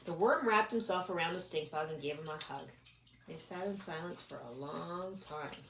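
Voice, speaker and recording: Her voice is fairly low yet fairly bright, moving at a normal speed, as she expressively reads a children's book to a child at home and chats with them between sections. The sound is echoey and noisy, captured from a distance.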